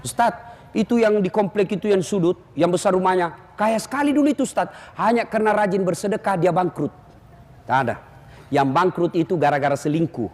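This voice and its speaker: A man's voice: high-pitched, animated, fairly quick, a little mellow. A male preacher, giving a comic sermon full of teasing jokes aimed straight at the crowd. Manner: teasing, jokey preaching with direct address to the crowd. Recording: echoey hall, faint hum.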